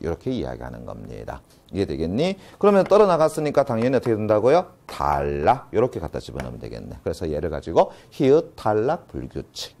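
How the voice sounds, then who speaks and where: In a lowish, gravelly, warm voice, this male teacher gives a grammar lesson. He repeatedly asks whether students follow, supplies the answers himself, and lingers on stressed key words.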